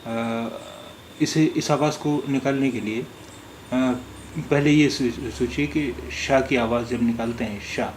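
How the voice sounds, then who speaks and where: A man gives a recorded language lesson at a middle pitch, sounding out each word slowly and repeating it several times. He pauses and hesitates often as he explains. A faint hiss of noise sits under his voice. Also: steady tone. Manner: slow, careful pronunciation drills with many hesitations. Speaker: language teacher.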